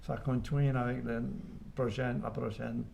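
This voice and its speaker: An older man with a Cajun French accent chatting casually and haltingly, dropping in English words. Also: medium pitch, steady tone, gravelly, a little mellow, a little hiss or hum. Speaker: guest, band musician. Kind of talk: casual chat.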